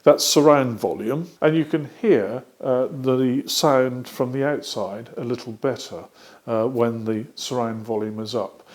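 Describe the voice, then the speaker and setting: A British man walks through a product demonstration step by step, explaining things methodically and frequently pausing mid-sentence. His voice sits at medium pitch and is a little mellow.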